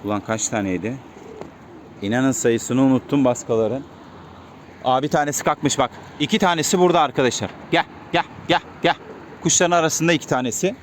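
A man keeping pigeons, talking casually to his viewers and calling to the birds with quick repeated commands. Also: mid-range voice. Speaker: pigeon keeper vlogger. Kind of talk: casual vlog talk to viewers. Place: outdoors on a rooftop pigeon loft. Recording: faint outdoor noise. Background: birds and city sounds.

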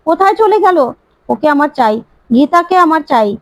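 A woman's voice: high voice, animated, normal speed, no echo. A woman voicing a scheming, obsessive young woman who keeps repeating her demands. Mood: threatening. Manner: insistent, repeating herself. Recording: slightly muffled dry recording.

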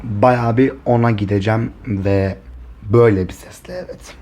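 A hoarse man chatting casually to camera in a vlog, talking softly and rambling to spare his voice. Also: fairly low pitch, steady tone, moderate pace, a little hiss or hum. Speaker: vlogger.

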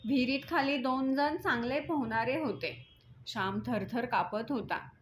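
A woman reading a moral story aloud in a measured, steady storytelling voice. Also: a little high, slight background noise.

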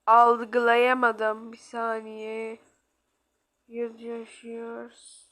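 Young woman, gaming host; casual, exasperated, high-ish voice. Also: monotone, drawn-out words, fairly bright tone. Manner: exasperated, chatty, mock-complaining at the game. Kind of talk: casual game commentary.

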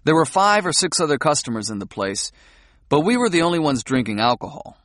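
A man narrating a novel in a calm, measured first-person audiobook reading. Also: a little high, no room sound, studio quality.

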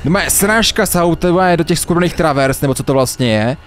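A young man narrating his gameplay into a desk mic. He is animated and swears constantly, his pitch jumping high in excitement and dropping low. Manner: animated, swearing, laughing a lot. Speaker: gamer, let's play host. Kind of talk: let's play commentary.

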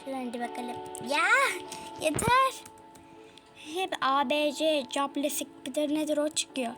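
A woman's voice: high voice, fairly even intonation, normal speed, music in the background. A woman giving casual let's-play commentary, chatty and exclaiming as she talks to her viewers. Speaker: gaming YouTuber.

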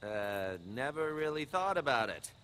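Over background music and noise, a man with a medium-pitched, sing-song voice acts out a video game cutscene at a measured pace. He plays a cocky, bemused punk assassin hero, giving the lines a wry, casual delivery.

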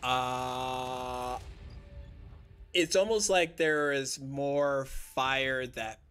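A man serves as game master for a tabletop role-playing session, narrating combat in unhurried, loose phrases. His voice is bright and forward. He takes his time over each description. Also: mid-range voice, soft background music. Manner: relaxed, describing the action in loose, halting phrases.

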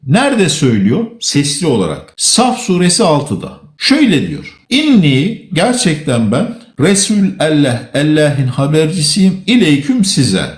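A man's voice: a little high, sing-song, moderate pace, hardly any pauses. Lecturing man in an echoey room. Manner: lecturing, argumentative, repeats words for stress. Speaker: host. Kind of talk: live online religious debate.

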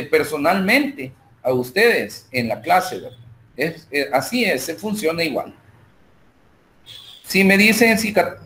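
A male teacher with a Salvadoran Spanish accent, speaking in a somewhat high voice at a slow, unhurried pace. He talks his students through numbers and a spreadsheet in an online lesson. He often pauses on fillers as he works. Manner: talks slowly while working through numbers and software, with many fillers. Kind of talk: online math lecture.

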